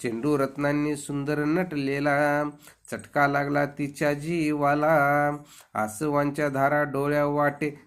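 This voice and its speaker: A man's voice: fairly high pitch, completely flat delivery, slow, smooth. A man singing a children's poem and telling a rhymed story in melodic recitation. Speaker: storyteller and singer.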